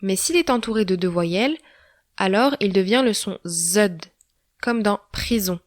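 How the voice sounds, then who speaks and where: A woman giving a scripted language lesson, pronouncing each letter and example word slowly and deliberately. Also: mid-range voice, animated, dry recording, studio quality. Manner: slow, deliberate letter-by-letter pronunciation. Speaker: language teacher.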